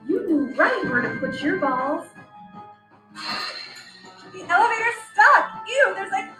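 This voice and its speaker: A woman's voice: extremely high pitch, sing-song, slow, full character voice. A woman voicing a ditzy young female ghost-hunter assistant who talks in a whiny valley-girl way. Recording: roomy game-trailer audio over music.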